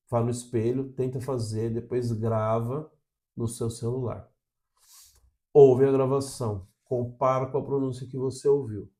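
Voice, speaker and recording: A Brazilian man with a mellow, warm voice talks straight to his viewers like a coach and keeps checking in with a quick "tá?". His pitch sits at an ordinary middle height. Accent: Brazilian Portuguese. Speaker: English teacher. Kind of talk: direct-to-camera lesson.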